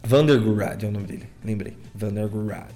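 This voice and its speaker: A man's voice: fairly low pitch, fairly quick, mellow, faint music behind. Rambling man recapping an anime. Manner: rambling, many stumbles and repeats. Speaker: anime reviewer. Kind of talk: casual episode recap.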